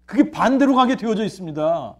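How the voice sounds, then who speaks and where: A man's voice: high-pitched, expressive, fairly quick. A man, a pastor, preaching a sermon. He asks rhetorical questions, answers them himself, and repeats key phrases. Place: church sanctuary.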